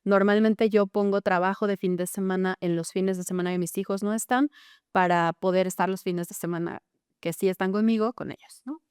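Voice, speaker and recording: Middle-aged woman, earnest guest therapist; smooth voice, dry close sound. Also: medium pitch, fairly even intonation, fairly quick, a little mellow, dry recording. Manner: earnest, recounting personal story with many tag questions. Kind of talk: interview.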